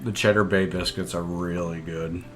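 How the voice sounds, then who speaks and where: Relaxed young man, lowish voice. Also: normal speed, soft background music. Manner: relaxed, hesitant, many ums. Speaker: podcast co-host. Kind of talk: casual chat.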